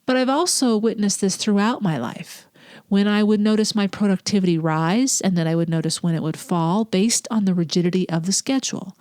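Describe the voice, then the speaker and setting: In a dry, clean studio recording, a woman with a medium-pitched, darkish voice speaks fairly quickly. She sounds nasal and congested from a cold as she hosts her own casual solo podcast. She's also a teacher, and her manner is earnest and reflective, now and then becoming a breathy whisper.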